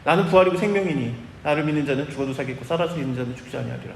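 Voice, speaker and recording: A male pastor voicing a calm, authoritative divine male speaker in measured, declaring lines during a live sermon. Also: a little high, gravelly, a little hiss or hum, voice pushed down. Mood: solemn. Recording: echoey hall, live church recording.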